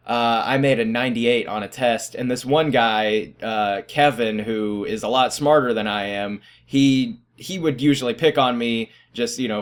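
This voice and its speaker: A teenage boy casually telling stories about his school days, rambling and self-deprecating, often laughing at himself. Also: medium pitch. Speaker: vlogger. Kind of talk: casual storytelling.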